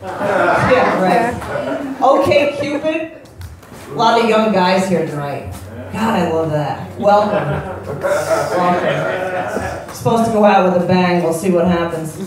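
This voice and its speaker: A woman's voice: fairly low pitch, slow pace, pauses often, a crowd in the background. Brash American woman doing stand-up, very echoey. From upstate New York, United States. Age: 40s. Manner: brash, profane, conversational. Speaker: stand-up comedian. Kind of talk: live stand-up comedy. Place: indoor comedy show with live audience. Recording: echoey, noisy club recording from far off.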